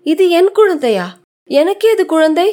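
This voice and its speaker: A woman's voice: very high-pitched, animated, measured pace, mellow, pitched above the performer's own voice. A woman voicing a troubled young mother who pleads in a raised, strained voice in a spoken short story. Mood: pleading, bewildered.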